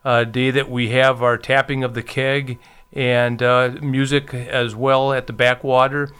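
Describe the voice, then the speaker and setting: A man speaks as a guest in a casual interview, chatty and full of "uh" pauses. His voice sounds clear and resonant. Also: mid-range voice, flat delivery, a bit bright. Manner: chatty, many filler pauses. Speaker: festival committee member, guest.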